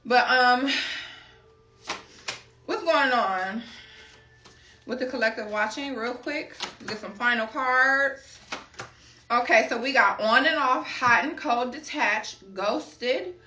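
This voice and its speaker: Her voice is a little high and sharp, and she talks slowly with frequent pauses over a slight hiss or hum. She's a Chicago tarot reader giving a casual, chatty reading, slipping into personal stories and calling viewers y'all, in an echoey room a bit away from the mic.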